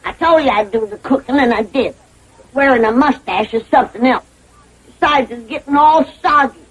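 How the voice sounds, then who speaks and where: A woman's voice: high-pitched, normal speed, breathy edge, poor audio. An actress playing a stubborn, cantankerous old hillbilly grandmother with a rural Southern accent and a snappish way of talking. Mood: grumpy. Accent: rural Southern American. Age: older. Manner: crotchety, snappish.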